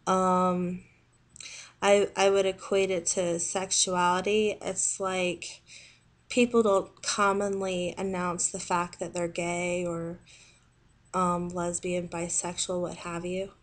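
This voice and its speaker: A woman with a Southern American accent talks at an unhurried, drawn-out pace. Her voice sits a little low, and she stops often, restarting her sentences as she chats in a casual video response. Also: flat delivery. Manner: halting, many pauses and restarts. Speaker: video blogger.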